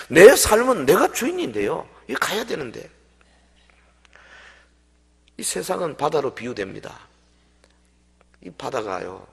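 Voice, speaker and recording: Korean pastor guy preaching, husky gravelly voice, swings up and down a lot, big echoey church. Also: fairly high pitch. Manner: dramatic preaching with sudden loud swells and acted quotes. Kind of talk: sermon. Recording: long hall reverb.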